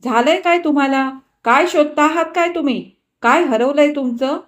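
A woman voicing a fussy, stubborn young wife who chatters quickly and scolds. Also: high-pitched, voice pushed up, lightly acted. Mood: scolding.

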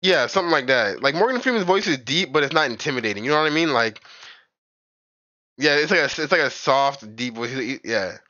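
A man's voice: mid-range voice, animated, a little fast, sharp tone, no room sound, highs cut off. A young man chatting casually with friends during a game stream, rambling with lots of filler and calling them bro. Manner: rambling, filler-heavy, says "bro" and "like" a lot. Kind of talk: casual gaming chat.

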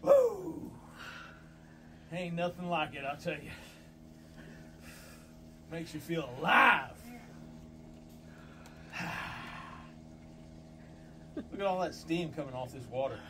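A man's voice: on the high side, slow, long pauses. A man outdoors in a snowy yard, whooping and cheering in casual, hearty banter. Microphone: phone camera a few meters away. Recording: noisy outdoor phone recording.

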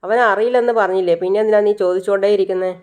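A narrator voicing a blunt young husband who is quick to get annoyed. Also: medium pitch, fairly even intonation, darkish tone, smooth, natural voice. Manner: blunt, irritated.

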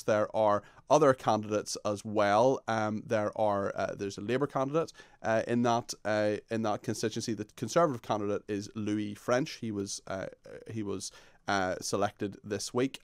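A man's voice: lowish voice, no room sound. A man in his thirties hosting a live radio phone-in, polite and often correcting himself, close on a studio microphone. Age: 30s. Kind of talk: live talk radio presenting. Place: small broadcast studio.

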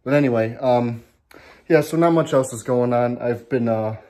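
A man's voice: medium pitch, normal speed, a little mellow. A man in a casual home vlog, talking from his garage into a handheld camera, rambling with lots of ums and restarts and a bit out of breath. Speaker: vlogger.

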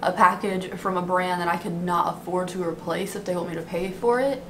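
A woman's voice: fairly low pitch, fairly even intonation, a little fast, a bit bright. A woman in her twenties chatting casually to camera, complaining at length like a vlogger venting. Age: 20s. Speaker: beauty vlogger. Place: small dim apartment room, indoors. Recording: clearly noisy room recording.

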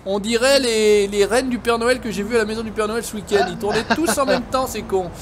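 A man hosting a casual farming-game let's-play, joking, excitable and swearing often. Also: high-pitched, a little fast, a little hiss or hum. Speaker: gaming channel host.

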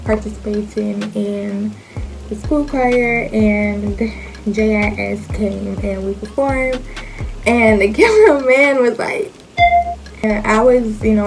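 A young woman with a Jamaican accent chats to camera in a fairly high voice, taking her time. Her manner is playful and slangy, like a casual personal vlog. Music plays behind her. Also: steady tone, measured pace, gravelly, darkish tone, low-quality recording. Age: young adult. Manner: playful, slangy, self-questioning delivery. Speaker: vlogger answering questions about herself.

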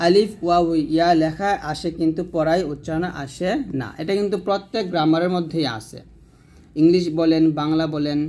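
Male teacher with a Bangladeshi Bengali accent, slightly high voice, slow and deliberate, drawn-out example words. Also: darkish tone. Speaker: Quran reading teacher. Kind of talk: recorded lesson.

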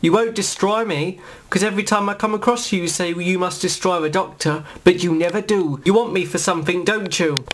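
A man playing an angry, defiant time-travelling hero in an amateur fan film, talking fast and confrontationally. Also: high-pitched. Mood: brash.

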